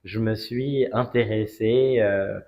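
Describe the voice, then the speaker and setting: In his forties and hailing from Strasbourg, this cigar brand ambassador shares a personal story during a conversational interview. He speaks in a fairly low, steady voice, measuring his words and pausing often, while the recording has its highs cut off.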